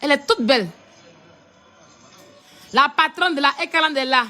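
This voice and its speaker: High-voiced woman mocking on a live stream. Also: normal speed, sharp tone. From Ivory Coast. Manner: mocking, repetitive, laughing. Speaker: social media commentator.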